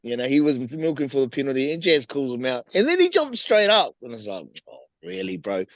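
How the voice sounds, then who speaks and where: Animated man with a broad Kiwi accent. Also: mid-range voice, fairly quick, no echo, dull audio. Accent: broad New Zealand. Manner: slangy, matey. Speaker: rugby league podcast panellist. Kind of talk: casual fan chat.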